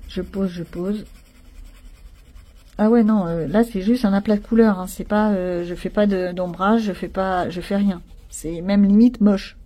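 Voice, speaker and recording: A woman's voice: medium pitch, steady tone, measured pace, dark tone. A woman chatting casually to her viewers, thinking aloud as she colors a picture with pencils. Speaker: coloring channel host. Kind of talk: casual narrated coloring session.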